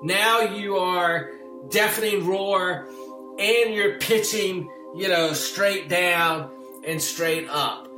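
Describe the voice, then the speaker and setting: A man tells his story in a loose, animated way, peppering it with "like" and restarts. His voice sits high, the room rings with echo, and music plays clearly underneath. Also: extremely slow. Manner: animated, lots of fillers like "like". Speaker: interviewee recounting a sailing ordeal. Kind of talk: casual storytelling interview. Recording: roomy sound with music underneath.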